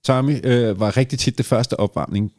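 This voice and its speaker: A man's voice: mid-range voice, a little mellow. A man, a band musician, talking at length in a casual conversation.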